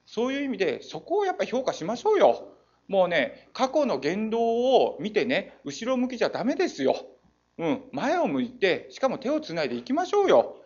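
A man's voice: high voice, wildly swooping pitch, a little fast, darkish tone, breathy edge. A man answering as mayor on a council floor, with a Saga accent and persuasive, emphatic appeals. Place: city council chamber. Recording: dull lo-fi council chamber audio.

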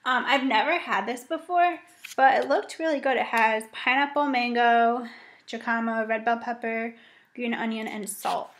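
Young woman, casual vlogger, slightly high voice, upbeat and chatty, webcam at home. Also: steady tone, moderate pace, fairly bright tone. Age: young adult. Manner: chatty, upbeat, frequent ums and likes. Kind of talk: casual grocery haul vlog. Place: home dining room indoors.

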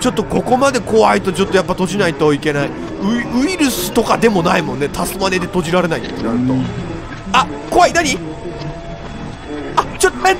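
With a high voice, big pitch swings, and a quick pace, this gaming host gives frightened, jumpy live commentary while reacting to horror. He repeats words often, and music runs under his voice.

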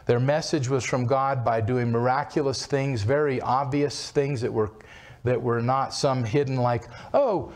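A man's voice: mid-range voice, fairly even intonation, a little slow. A man in his sixties preaching at a church pulpit, retelling a story in a conversational way, with frequent restarts. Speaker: pastor. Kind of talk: sermon. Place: church platform behind a wooden pulpit, indoors. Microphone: pulpit-mounted microphone.

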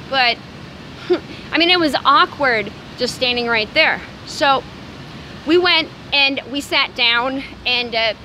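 A woman's voice: high voice, sharp tone, slight background noise, low-quality recording. A woman in her thirties talks casually into a phone held at arm's length outdoors, rambling with fillers and restarts. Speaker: vlogger. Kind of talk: casual selfie vlog. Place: outdoors by city buildings.

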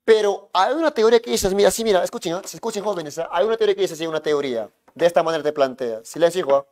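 A man lecturing a classroom as economics teacher, hushing students and repeating himself to make points stick. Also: high voice, very fast. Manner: keeps hushing and calling on students, repetitive.

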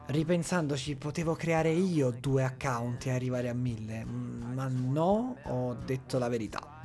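A man's voice: medium pitch, unhurried, warm tone, faint music behind. A young man narrating his vlog in a candid, self-mocking storytelling voice-over. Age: young adult. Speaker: vlogger.

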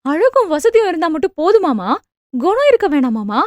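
A woman's voice: high voice, lively intonation, fast, dry recording. A woman voicing an angry young married daughter who sharply reproaches her mother. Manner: sharp, accusing, emphatic.

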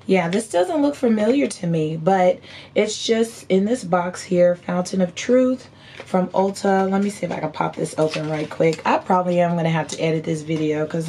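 Hoarse woman vlogger, noisy background. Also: fairly low pitch, warm tone. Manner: chatty, informal, folksy. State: hoarse, voice partly lost from screaming. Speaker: beauty vlogger. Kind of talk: casual chat unboxing haul. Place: indoor room at home.

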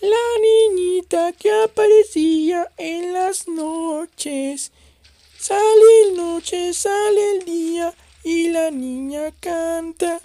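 A man's voice: warm tone, no room sound, exaggerated voice. A man doing an eerie singing little girl. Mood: eerie sing-song. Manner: slow sing-song, high and distant.

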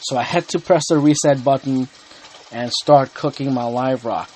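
Speaking to camera in a room at home with his aquarium, a man who runs a hobby channel explains his tank casually and without hurry, full of ums and restarts. His voice is medium-pitched and darkish at a moderate pace. The audio is poor, with slight background noise.

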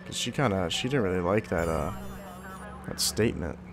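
A man's voice: low voice, lively intonation, normal speed, background noise. A young man giving casual, crude and slangy gameplay commentary. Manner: crude, sweary, slangy muttering. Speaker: gamer, video player. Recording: game music behind the voice. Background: video game music.

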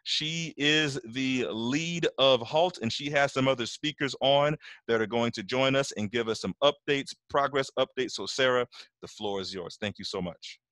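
A man's voice: medium pitch, normal speed, fairly bright tone, dry recording. A man hosts an online community meeting in an earnest, encouraging voice. He leans on ums and uhs as he goes. The sound is dry and close to the mic. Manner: earnest, encouraging, uses many fillers. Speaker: meeting host.

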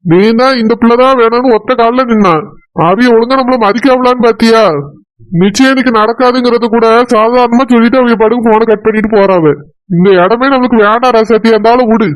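A woman voicing a calm, caring village man with a Tirunelveli Tamil accent in a cartoon. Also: on the high side, fairly quick, natural voice, rough recording. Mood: soothing. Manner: calm, soothing reassurance. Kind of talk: cartoon voice acting.

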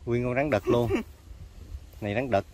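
A man's voice: medium pitch, unhurried, a little mellow. A man with a Southern Vietnamese Mekong Delta accent hosting an outdoor snake-hunting vlog, exclaiming and talking straight to his viewers. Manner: exclamatory, addresses viewers as aunts and uncles. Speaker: vlog host filming a snake hunt. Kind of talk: excited outdoor commentary to viewers. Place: outdoors in rural countryside. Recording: outdoor camera audio with noticeable background noise.

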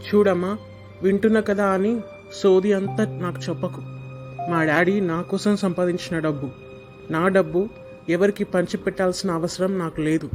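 A man's voice: high-pitched, fairly even intonation, normal speed, over music, close to an everyday voice. A young man playing a spoiled, selfish rich son who talks back rudely and dismissively, in an amateur short drama. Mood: annoyed. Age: young adult. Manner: dismissive, rude, whiny.

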